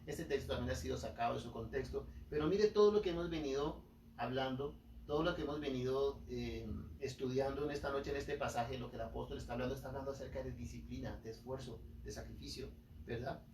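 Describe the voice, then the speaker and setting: A man's voice: mid-range voice, quick pace, a little mellow, a little hiss or hum. Echoey preaching man, from far off. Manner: preaching with emphatic rises and acted-out quotes. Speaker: pastor. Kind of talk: sermon. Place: church hall.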